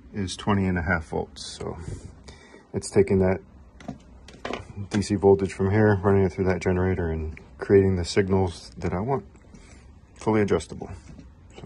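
A man's voice: lowish voice, slight background noise. A middle-aged man in his garage, casually demonstrating a homemade test tool with many fillers. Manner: relaxed, rambling, filler-heavy. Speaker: HVAC technician demonstrating a tool. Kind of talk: casual workshop demo. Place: home garage workbench, indoors. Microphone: camera mic, speaker off-frame behind camera.

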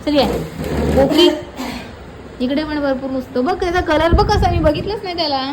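Woman, high bright voice, chatty and teasing, casual vlog, outdoor phone recording with loud background noise. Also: moderate pace. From Alibag, Maharashtra. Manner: chatty, teasing, playfully scolding. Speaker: vlogger. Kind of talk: casual vlog narration and chat. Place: outdoors in a coastal fishing village. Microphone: handheld phone with headphones.

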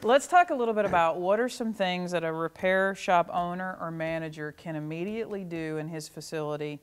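A young man moderating a panel, brisk and leading, on a handheld mic in a showroom. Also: high-pitched, clear, resonant tone. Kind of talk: panel discussion. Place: car dealership showroom.

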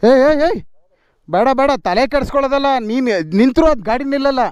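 A man with a high voice leads an off-road ride on a forest dirt trail, recorded on a camera mic as he goes. He talks fast, firing off repeated instructions to fellow riders and laughing often. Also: darkish tone, smooth. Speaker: motovlogger leading an off-road ride. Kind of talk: casual on-the-spot vlog talk.

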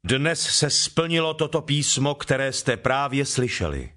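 In a dramatized Bible audio reading, a male actor with a mid-range voice plays a calm, authoritative holy teacher, speaking in a measured, solemn, declamatory manner.

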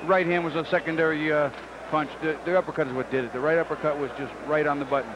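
Fast-talking male boxing analyst. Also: on the high side, steady tone. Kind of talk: replay commentary. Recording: noisy, dull old TV broadcast tape.

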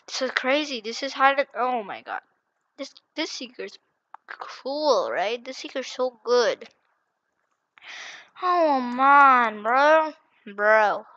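A young woman commentating a hide-and-seek video game in a frantic, excitable way, repeating herself and dropping to whispers when hiding. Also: fairly high pitch, no echo, highs cut off. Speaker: gaming channel host.

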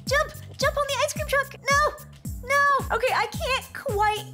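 A very high, bubbly woman's voice chatters through kids' game commentary, gasping and cheering in a sing-song way. Upbeat music plays clearly underneath her. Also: moderate pace. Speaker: gaming channel host. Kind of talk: excited kids' gameplay commentary. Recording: music playing behind.

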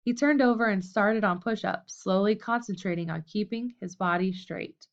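A woman narrating a novel as an audiobook, in a steady, even storytelling manner. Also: medium pitch, moderate pace, muffled recording.

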